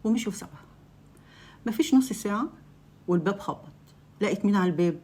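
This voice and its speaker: A woman's voice: medium pitch, lively intonation, fast, warm tone. A woman with an Egyptian accent telling a story to her viewers in a chatty, direct way.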